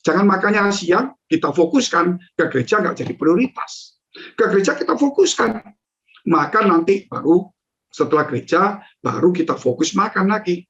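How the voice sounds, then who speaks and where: A man's voice: high voice, expressive, normal speed, a bit bright. A male pastor giving a conversational sermon, telling stories and addressing the congregation directly. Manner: conversational storytelling, addresses listeners as "saudara". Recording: dull lo-fi recording.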